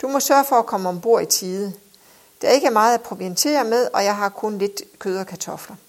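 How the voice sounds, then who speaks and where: A woman reading the lines of a domineering, condescending male sea captain in a storybook, in a commanding tone with a slight creak in her voice. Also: mid-range voice, lightly acted.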